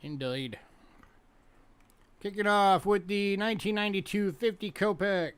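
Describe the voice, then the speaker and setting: A man's voice: high-pitched, normal speed, clean tone. A man hosting a casual live-stream auction, chatty and joking as he sells items one by one. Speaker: online auction host.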